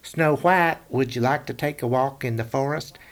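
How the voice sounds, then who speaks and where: A man voicing a nervous royal hunter in a much higher, loud, strained voice. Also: normal speed, lightly acted.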